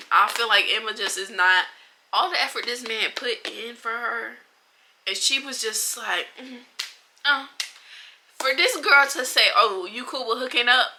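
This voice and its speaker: A woman's voice: medium pitch, pushed and bright, slight background noise. A young adult woman chatting bluntly and animatedly in a book vlog, full of slang and asides. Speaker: book vlogger. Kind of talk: casual reading wrap-up chat.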